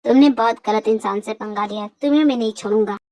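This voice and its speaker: A woman's voice: on the high side, fast talker, mellow, no room sound, highs cut off, natural voice. A woman voicing an angry, protective older brother in a fan audio drama, who speaks in a demanding, threatening way. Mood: vengeful.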